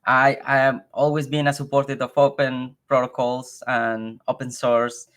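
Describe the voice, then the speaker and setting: Man, English, halting, repeats words, laughs easily, video call guest. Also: mid-range voice, flat delivery, fairly bright tone, clean tone. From Mexico. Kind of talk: casual interview chat.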